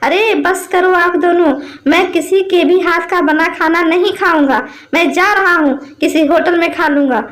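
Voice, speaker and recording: A woman's voice: very high-pitched, moderate pace, hardly any pauses, a bit bright, reverberant. Woman voicing an exasperated young husband. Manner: pleading, exasperated.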